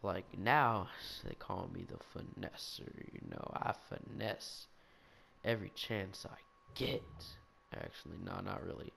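Young guy telling a story kinda all over the place, lots of restarts, low gravelly voice, a lil background hiss. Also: unhurried. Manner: animated, self-mocking, restarts often. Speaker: gaming video storyteller. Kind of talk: rambling casual storytelling.

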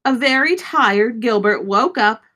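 Seated in a small room, a woman in her thirties, a teacher, reads a children's picture book with lively, dramatic expression for young kids. Her pitch is fairly high, her intonation animated, her pace a little slow, and her tone sharp.

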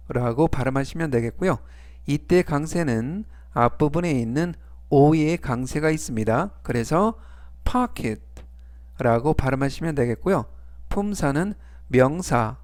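Slow, formal Korean man teaching English words. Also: fairly high pitch, a little mellow, no room sound. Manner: spells out English words slowly and repeats them three times; polite formal endings in every sentence. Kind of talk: slow step-by-step vocabulary lesson.

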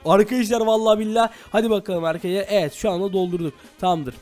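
Fast-talking high-voiced man. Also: fairly even intonation, a little mellow, faint music behind. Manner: chatty, keeps addressing viewers. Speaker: YouTuber. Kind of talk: Minecraft role-play.

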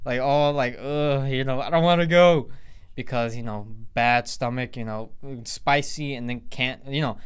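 A teenage vlogger tells a storytime tale to camera indoors against a plain grey backdrop, rambling casually with lots of fillers and restarts. His voice is mid-range and smooth, with fairly even intonation at a moderate pace.

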